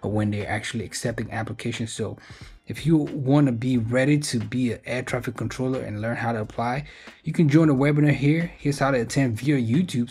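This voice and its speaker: This male host has a mid-range, slightly rough voice with a darkish tone. Sharing job openings in a relaxed explainer video, he talks through a web page and stresses what matters most.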